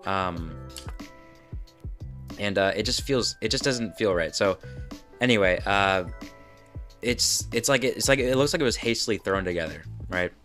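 A young man talks loosely and a little chaotically, stopping mid-thought and laughing at his own asides. His voice sits on the low side, and faint music plays underneath. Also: unhurried, long pauses, fairly bright tone. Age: young adult. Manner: rambling, self-interrupting, laughs often. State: burping, hiccups. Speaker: podcast host. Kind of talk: casual rambling monologue.

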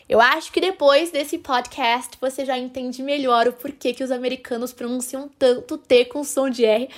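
A woman from Brazil, a podcast host explaining English pronunciation patiently, slowing down to model phrases. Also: a little high.

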